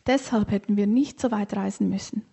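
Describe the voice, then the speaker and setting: A woman's voice: mid-range voice, vocal fry, warm tone, husky. Woman doing a grumpy grumbling camel. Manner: grumbling, whiny, drawn-out complaints. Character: grumpy complaining tired camel.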